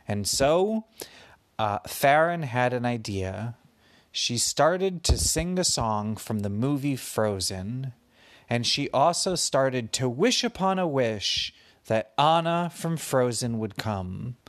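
A father spinning a bedtime story for his child at an unhurried pace. His voice is gentle and patient, recorded close and dry with a medium pitch. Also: expressive, no room sound.

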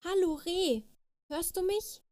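A woman voicing a naughty little fairy girl in a storybook reading, with high wailing cries. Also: measured pace, warm tone, natural voice. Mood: calling out. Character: naughty little female fairy child, cheeky.

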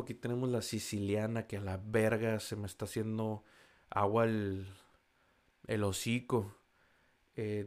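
A man with a Mexican accent chatting casually in slangy, profane Spanish, stumbling over foreign food names as he reads a list. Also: mid-range voice. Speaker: vlogger. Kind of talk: casual chat reading a list.

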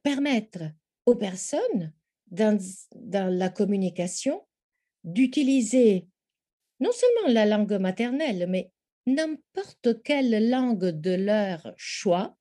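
A woman whose first language is Italian speaks French slowly, with a mellow, mid-range voice that's very animated. An interview guest and language teaching specialist, she gives an explanatory answer in a measured, thoughtful way, hesitating often.

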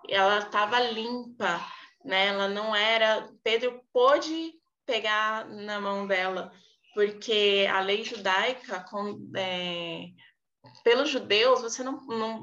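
A woman presenting a Bible study walks through a Bible story from her home in casual teaching. Her mid-range voice moves at a slow, deliberate pace, relaxed and thoughtful, with frequent pauses, fillers and restarts. The recording is muffled and lo-fi.

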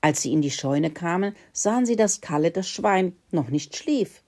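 A woman calmly reading a children's story aloud as narrator. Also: lowish voice, normal speed.

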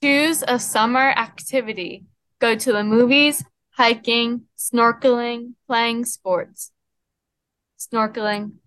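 Brisk young woman leading questions. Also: fairly high pitch, steady tone, fairly bright tone, no room sound. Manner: leads the questions, brisk and decisive. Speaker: podcast co-host. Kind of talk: casual chat.

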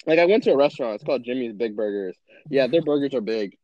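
A man's voice: medium pitch, fast, dry recording. A young man with a Texan accent, hosting a casual podcast and acting out his own reactions as he tells stories. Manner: animated storyteller, acts out his own reactions. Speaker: podcast host. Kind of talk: casual chat. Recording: dull lo-fi sound.

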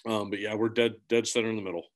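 In a casual interview, a musician guest from central Illinois talks rapid-fire in a lowish voice with little pitch movement. He's earnest and rambling, restarting often.

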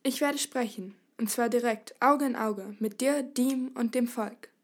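A woman voicing a small, round, cheerful male knight who speaks calmly and with self-assurance. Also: on the high side, unhurried. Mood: friendly.

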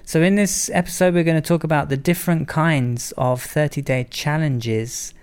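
A man's voice: fairly high pitch, normal speed, a little mellow, clear, resonant tone. A man hosting an educational language podcast in a chatty way, mostly in English with the odd slip into Spanglish.

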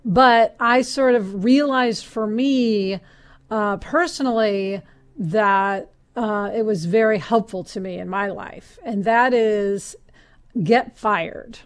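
American woman with gravelly vocal fry. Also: mid-range voice, slow. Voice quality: somewhat hoarse. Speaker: podcast co-host. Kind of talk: casual podcast chat.

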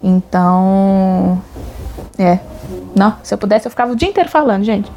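A Brazilian woman chatting about music in a warm, mellow tone. She talks at length, loosely, hunting for the right word and tagging her thoughts with little check-ins. Her pitch sits in an ordinary middle range. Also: animated, normal speed. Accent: Brazilian Portuguese. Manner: chatty, frequent "sabe?" tags, searching for words. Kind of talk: casual music discussion.

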